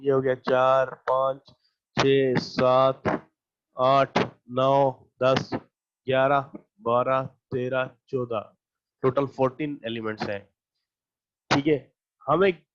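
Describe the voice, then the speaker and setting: A man with a medium-pitched voice teaches a math class online, and the audio sounds dull. He patiently explains every step, counts items aloud, and checks in with his students over and over.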